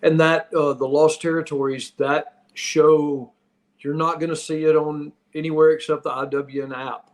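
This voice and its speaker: Middle-aged male ex-wrestler guest, somewhat high voice, casual storyteller, halting repeated phrasing. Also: flat delivery. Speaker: guest, former pro wrestler. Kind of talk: casual reminiscing chat.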